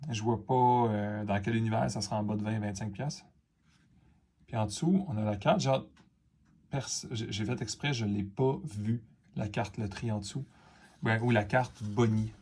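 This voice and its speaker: A man's voice: on the low side, fairly even intonation, normal speed, a little mellow, husky. A man with a Quebec French accent, chatting casually to camera as he opens cards and reacts to each one, rambling with fillers and asides. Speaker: card-opening video host. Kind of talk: casual unboxing chat to camera.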